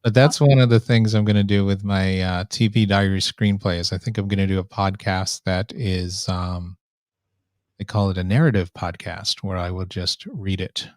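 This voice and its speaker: A man's voice: sits low, fairly even intonation, normal speed, dry recording, studio quality. A man with a nasal voice, chatting casually as a live host, right up against the microphone. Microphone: microphone right up close.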